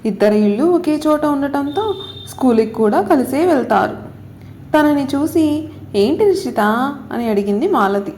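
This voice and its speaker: A woman reads a children's moral story aloud in a calm, even manner. Her voice sits high. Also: normal speed, a little hiss or hum.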